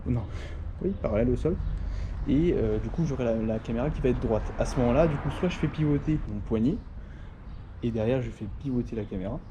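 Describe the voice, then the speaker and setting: A man's voice: medium pitch, fairly quick, muffled recording, noisy background. A young man casually demonstrating a gimbal, rambling with many fillers and restarts, outdoors in a small courtyard. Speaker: tech vlogger reviewing a gimbal. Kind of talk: casual demo talk.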